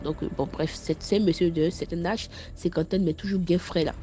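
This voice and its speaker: A young woman with an Ivorian French accent, speaking in a mellow, darker tone. She stammers and repeats herself as she tells her own story into a phone voice message, animated and scolding, with faint noise behind her. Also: on the low side, a little fast. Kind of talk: casual spoken testimony.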